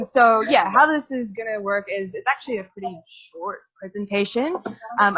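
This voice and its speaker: A young woman from New Zealand talks casually through a workshop presentation, filling her sentences with loose asides. Her voice is slightly husky and sits at an ordinary pitch. The recording is muffled and lo-fi. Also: a bit bright. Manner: casual, chatty, filler-heavy. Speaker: workshop speaker. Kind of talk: live presentation to an audience.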